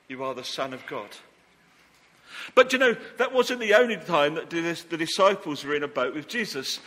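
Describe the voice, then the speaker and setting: A man's voice: a little high, pushed and bright. A man preaching an all-age sermon in a church, telling the story playfully, joking and coaxing volunteers to act it out. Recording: long church reverb, faint background noise.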